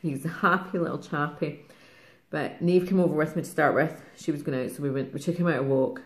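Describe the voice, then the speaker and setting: A middle-aged Scottish woman chatting casually to camera in a fast, rambling way, laughing often. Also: deep voice, steady tone. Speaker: craft vlogger. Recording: roomy echo.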